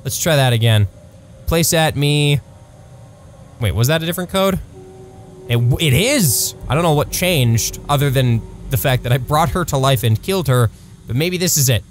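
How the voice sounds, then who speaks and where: A man streaming a video game live, reacting loudly, laughing at his own mistakes and swearing casually as he goes. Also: normal speed, soft background music. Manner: excitable, jumps to high-pitched yelps when thanking subscribers. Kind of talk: live gameplay commentary.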